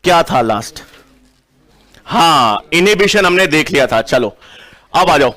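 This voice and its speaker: A man's voice: fairly high pitch, lively intonation, a little slow, pushed and bright. A man from India teaching a biology class, chatty and joking, asking questions and answering them himself. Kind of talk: live online class lecture.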